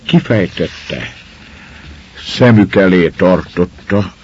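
A man with a husky voice reading a folk tale aloud in a measured, expressive way. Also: low-pitched. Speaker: storyteller. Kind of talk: scripted story narration. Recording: muffled lo-fi recording.

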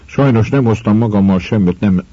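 A man reading the part of an easygoing young squire who talks in a relaxed, offhand way. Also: on the low side, no echo, pitched above the performer's own voice, lightly acted. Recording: dull lo-fi recording.

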